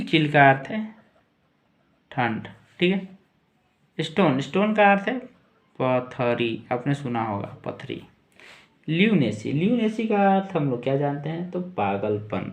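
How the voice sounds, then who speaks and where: A man teaching English words in a slow lesson, spelling each word out letter by letter and repeating it. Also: mid-range voice.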